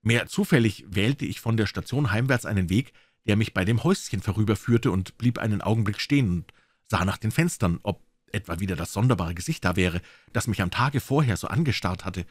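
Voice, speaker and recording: A man's voice: lowish voice, animated, fairly quick, no room sound. A man reading a classic detective story aloud as an audiobook, telling it dramatically in the first person on a close mic. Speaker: audiobook reader.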